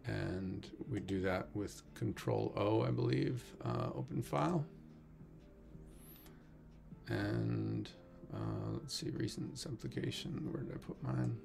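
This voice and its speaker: A man's voice: on the low side, takes it slowly, vocal fry, darkish tone, soft background music. A man teaching a coding tutorial in a casual, wry way, thinking aloud with many fillers. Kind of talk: screen-recorded coding tutorial.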